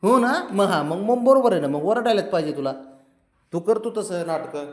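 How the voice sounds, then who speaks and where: A man's voice: high-pitched, expressive, normal speed. A man coaxing his pet cat in affectionate, sing-song baby talk, calling it over and over. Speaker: cat owner. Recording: roomy echo.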